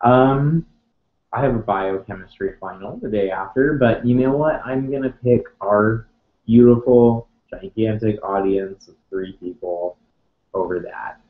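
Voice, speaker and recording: A man's voice: on the low side, unhurried. Tipsy young man joking, tinny echoey sound. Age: 20s. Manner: joking, sarcastic, rambling. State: tipsy from wine. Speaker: advice show co-host. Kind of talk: casual joking chat.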